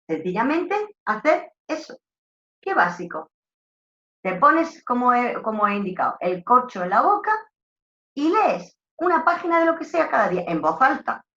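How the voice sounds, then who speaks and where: A woman with an Andalusian accent, a talkative trainer giving a lively lecture on customer service and repeating her points. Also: mid-range voice, highs cut off. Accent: Andalusian Spanish. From Andalusia, Spain. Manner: talkative, animated teacher, repeats herself. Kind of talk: online lecture.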